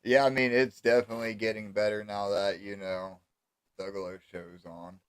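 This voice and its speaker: Young man, podcast host, fairly low voice, laid-back, eager. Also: little pitch movement, normal speed, smooth. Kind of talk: casual podcast chat.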